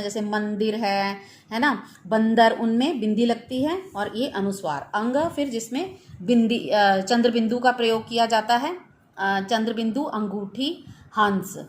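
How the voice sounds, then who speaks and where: Indian woman teaching a class, higher voice. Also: slight background noise. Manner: explains step by step, mixing in English words. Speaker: school Hindi teacher. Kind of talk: online class lesson.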